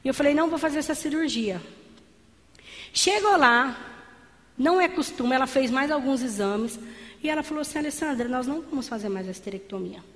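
A woman's voice: sits high, expressive, brisk. A woman giving a fervent sermon-style testimony in church, calling her listeners beloved. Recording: long hall reverb.

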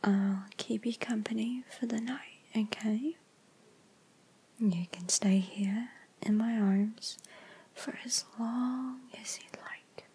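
A woman whispering softly in a soothing, lulling ASMR comfort roleplay, close to the microphone. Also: a little high, steady tone, slow, slightly rough. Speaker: ASMR creator.

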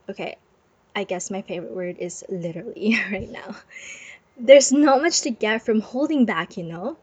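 A woman's voice: fairly high pitch, husky, no room sound. A young adult woman hosting a casual solo podcast in a bubbly, affectionate, motivational way, recorded under a blanket on her bed. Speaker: podcast host. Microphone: close microphone. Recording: dry, muffled space under a blanket.

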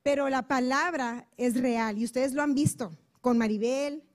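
A woman's voice: sits high, measured pace. A woman preaching to a women's group on a handheld mic, earnest and chatty, acting out little everyday dialogues. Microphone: handheld microphone.

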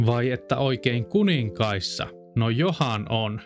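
A man's voice: mid-range voice, animated, soft background music, lightly acted. A man voicing a curious, folksy country man leading a horse in a fairy-tale reading.

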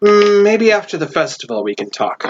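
A woman's voice: mid-range voice, sing-song, moderate pace, pitched above the performer's own voice, lightly acted. A woman voicing a squat, blunt dwarf innkeeper woman with an exasperated, scolding manner in a tabletop game. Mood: brusque. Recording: dull lo-fi, noisy, clicks.

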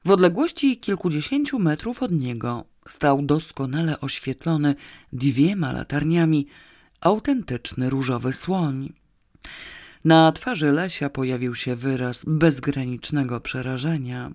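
An audiobook reader narrating a comic novel in a slow, measured, expressive way. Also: medium pitch, dry recording, studio quality.

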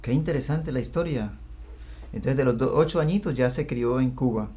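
On a religious radio program, a male host interviews a guest and presents segments, chiming in with warm, affirming interjections. He speaks at a moderate pace in a mid-range voice with a dark, slightly rough tone.

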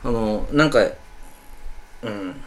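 A man with an Osaka Kansai accent, co-hosting a casual radio-style chat and telling stories in a quick, animated way. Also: lowish voice, a little hiss or hum. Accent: Osaka Kansai dialect. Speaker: co-host.

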